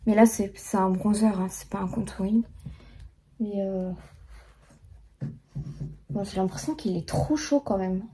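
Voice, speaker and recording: A woman's voice: medium pitch, unhurried, pauses often, mellow, slightly rough. A young woman chatting casually through a makeup tutorial, full of fillers and restarts. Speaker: beauty vlogger.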